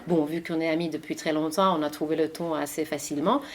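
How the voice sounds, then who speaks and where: In a library meeting room, a Finnish author and journalist in her forties fields questions in French, her second language, with a Finnish accent. Her voice sits low, with fairly even intonation and a quick pace, and she frequently restarts and uses fillers.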